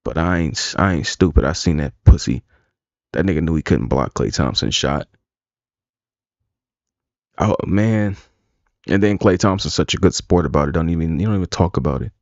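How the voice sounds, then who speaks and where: A man's voice: extremely low pitch, normal speed, long pauses, no room sound. A man streaming live, talking casually, rambling and bluntly profane. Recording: dull lo-fi dry sound.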